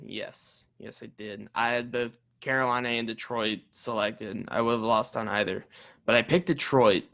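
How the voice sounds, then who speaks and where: A man co-hosting a casual sports podcast, talking emphatically and reacting with quick disbelief. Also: medium pitch, steady tone, a bit bright. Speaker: podcast co-host.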